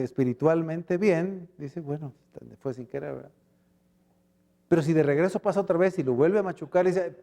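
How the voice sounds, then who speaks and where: A man with a Guatemalan accent preaching a sermon as pastor, acting out short dialogues as he goes. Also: fairly high pitch. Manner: animated preaching, acts out little dialogues.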